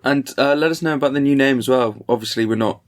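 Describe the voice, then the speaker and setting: A man's voice: medium pitch, quick pace. A man co-hosting a podcast in casual, rambling, dryly joking chat, recorded in the attic of a house. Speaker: podcast co-host. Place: attic room of a family house.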